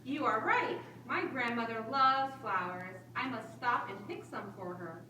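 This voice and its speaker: A woman's voice: a little high, a little slow, bright, forceful tone. Polite little girl acted by a woman for puppet show, heavy room echo, noisy background. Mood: polite, trusting. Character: polite, trusting little girl in fairy tale. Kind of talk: children's puppet show acting. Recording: echoey room, distant mic, clear background noise.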